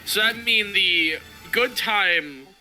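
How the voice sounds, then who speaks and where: A man's voice: high voice, takes it slowly, sharp tone. A man with a Southern US accent, a streamer chatting casually and bluntly while he plays, swearing freely, with faint game music behind. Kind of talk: casual chat while gaming.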